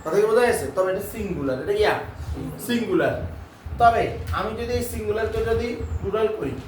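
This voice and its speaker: Male teacher, high voice, drilling lines in a roomy classroom, mic far off. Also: brisk, noisy background. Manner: keeps checking that students understand; drills lines by repeating them. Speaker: English teacher. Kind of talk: classroom lesson. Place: classroom with students.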